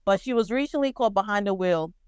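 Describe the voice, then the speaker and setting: A woman co-hosting a podcast, chatting bluntly and profanely about celebrity gossip with lively storytelling. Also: medium pitch, fast, clear, resonant tone, no echo. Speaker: podcast co-host. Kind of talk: casual pop-culture chat.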